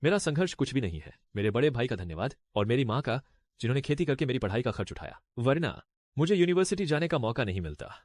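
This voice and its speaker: Cast a deferential but deceitful village graduate, animated delivery. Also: male voice, medium pitch, fast, dry recording. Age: young adult. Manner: eager, deferential, smooth-talking. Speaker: dubbing actor. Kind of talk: Hindi drama dub.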